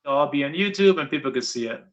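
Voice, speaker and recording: A man's voice: on the high side, animated, fast talker. A middle-aged man from Guyana, chatting casually as an interviewer, rambling and repeating his points for emphasis. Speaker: interviewer and channel host. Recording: dull lo-fi sound.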